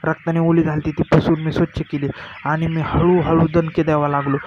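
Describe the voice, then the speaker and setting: A man telling a first-person story in a plain, unhurried way, weaving in quoted dialogue. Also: a little high, little pitch movement. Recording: lo-fi with clear background noise.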